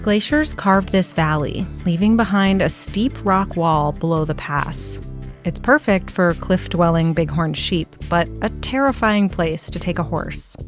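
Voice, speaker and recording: A woman narrating a documentary in a clear, descriptive storytelling style. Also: lowish voice, a little slow, soft background music. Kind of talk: scripted narration.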